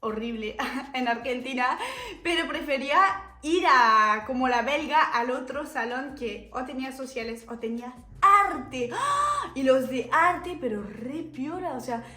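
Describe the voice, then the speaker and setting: A woman's voice: sits high, a little slow. A woman, chatting animatedly to camera, laughing often. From France. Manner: chatty, animated, lots of laughing and filler words. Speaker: vlogger. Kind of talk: casual storytelling to camera. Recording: echoey room.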